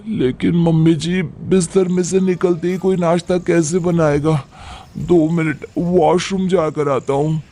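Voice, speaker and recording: A man's voice: on the high side, little pitch movement, measured pace, dark tone, faint music behind. A man voicing a whiny lazy son-in-law. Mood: whining. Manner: whiny, complaining.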